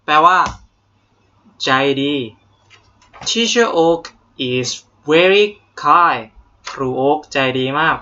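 A man's voice: fairly high pitch, animated, extremely slow, long pauses, sharp tone. A young Thai man teaching English vocabulary to students in a playful, joking way, with a Thai accent. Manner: playful, jokey, drills English words with exaggerated pronunciation. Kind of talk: online vocabulary lesson. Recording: dull lo-fi home recording.

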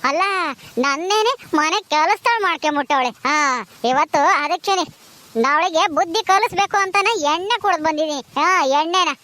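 A woman's voice: extremely high pitch, normal speed, no echo. Woman doing a drunk bossy mother-in-law. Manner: shouting, taunting, slurred bluster. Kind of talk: village comedy skit.

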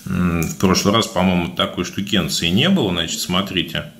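A man with a speech impediment on his r's, giving a casual, halting product review as a video blogger. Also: low-pitched, fairly bright tone. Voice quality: burred, defective r sound. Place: indoors, at a table, hands-only shot.

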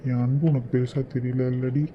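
A man voicing a drunk young husband in an animated cartoon who turns from bitter accusation to remorse. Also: mid-range voice, fairly quick, muffled recording, slight background noise, close to an everyday voice. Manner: bitter, accusing, then apologetic.

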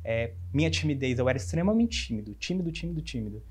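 A young man in his twenties with a Brazilian Portuguese accent, speaking as an interview guest. His voice sits at an ordinary middle pitch. He tells his story openly and earnestly, often stopping and restarting. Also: animated, fast talker, husky. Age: 20s. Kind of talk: candid personal interview.

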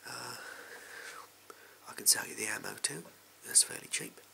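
A man's voice: mid-range voice, moderate pace, creaky, bright, forceful tone, heavily acted. A young English man in a whispered role-play, playing a shady, amoral backstreet gun dealer with furtive, clipped, offhand sleazy salesman patter. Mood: furtive, casual. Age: young adult. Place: small indoor room at home. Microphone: close to the camera.

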